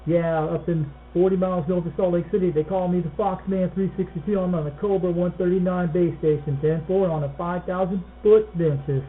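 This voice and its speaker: A man's voice: high-pitched, fairly even intonation, fairly quick, hardly any pauses, narrow, tinny audio. An American man making repetitive CB radio call-outs full of radio slang, through single-sideband radio. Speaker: CB radio operator. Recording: thin crackly CB radio, faint noise.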